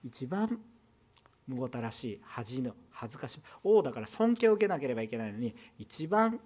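A man with a Kansai Japanese accent preaches a sermon in a church. His pitch swings widely as he talks, and he keeps it conversational, using rhetorical questions and quick asides to the congregation. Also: big pitch swings, a little mellow. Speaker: pastor.

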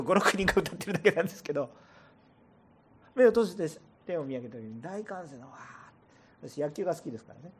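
A man preaching a sermon to a church congregation as pastor, animated and asking listeners rhetorical questions. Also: high-pitched, slightly rough. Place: church service before a congregation.

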